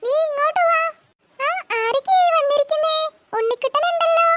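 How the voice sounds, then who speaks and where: A performer voicing a sweet cartoon mother coaxing her son to help. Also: fairly quick. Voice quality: very high-pitched. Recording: loud background hiss.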